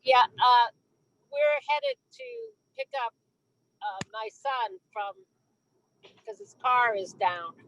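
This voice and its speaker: A woman joining a video call from a moving car, talking in a lively, offhand way. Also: fairly high pitch, slow pace, pauses often. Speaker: participant. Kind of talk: casual chat. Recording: muffled, distant car call.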